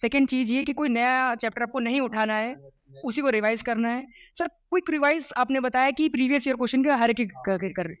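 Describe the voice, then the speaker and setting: A man hosting an interview, asking rapid polite questions and constantly saying "sir". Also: very high-pitched, fairly bright tone, clear, resonant tone, dry recording.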